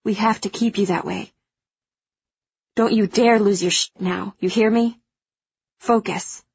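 A fierce young female hacker on a spaceship, protective and firm. Her voice is husky, urgent and reassuring. The audiobook drama is recorded very dry, with a slightly dull tone. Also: medium pitch, fairly even intonation, unhurried, darkish tone, dry recording.

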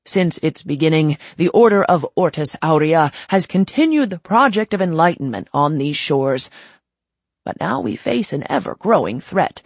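A woman's voice: low-pitched, lively intonation, normal speed, breathy edge, no echo, exaggerated voice. A woman voicing a pompous older male secret-society leader giving a well-worn, droning speech. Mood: declaiming.

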